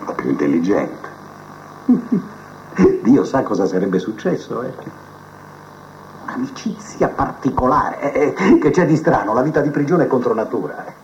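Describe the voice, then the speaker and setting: A vain, scheming prisoner who thinks himself a genius, in a theatrical TV drama monologue. His voice climbs and dips with lively swings, soft mutters breaking into animated bursts. The sound is muffled and dull, with faint hiss, as if taped off a television speaker onto cassette. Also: mid-range voice, a little slow, pauses often. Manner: musing to a cellmate, swinging between soft mutters and lively outbursts. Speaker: stage actor in a TV monologue. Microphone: cassette recorder mic held to a TV speaker.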